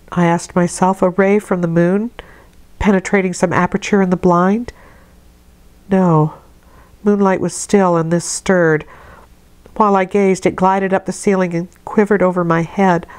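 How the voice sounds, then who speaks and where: A woman narrating a classic novel in a measured, expressive reading. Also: lowish voice. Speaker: audiobook reader. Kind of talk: scripted narration.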